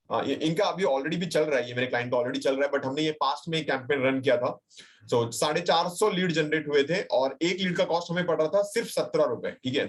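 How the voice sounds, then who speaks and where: Chatty Indian man teaching a webinar. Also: a little high. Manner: chatty Hinglish, mixing English phrases, fillers and checks like "right?"; reassuring, addresses viewers directly and reads chat replies aloud. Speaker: digital marketing trainer. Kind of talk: live webinar screen-share tutorial. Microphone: computer mic on a webinar call.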